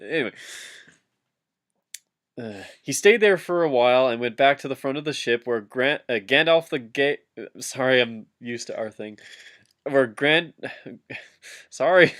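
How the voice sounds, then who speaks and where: A man gives a comic dramatic reading of fan fiction, giggling and frequently stopping to heckle the text with asides. His medium-pitched voice is a bit bright and clean in tone, moving at a normal speed with many pauses.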